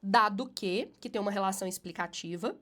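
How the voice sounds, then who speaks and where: A woman teacher, nasal from a cold, marks a student essay, reading passages slowly with emphatic rises and then explaining at a brisk clip. Her medium-pitched voice sounds pushed and bright.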